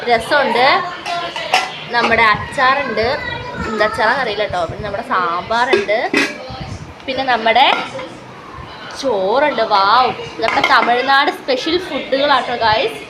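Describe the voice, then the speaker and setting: A woman's voice: a little high, moderate pace, pauses often, a loud crowd. A woman vlogging casually to her viewers, chatty and exclamatory, filming on a phone. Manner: chatty, addresses viewers as guys, exclaims often. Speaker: travel vlogger. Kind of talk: casual vlog chat. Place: rooftop terrace in hot sun, then indoors. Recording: phone video with loud background noise.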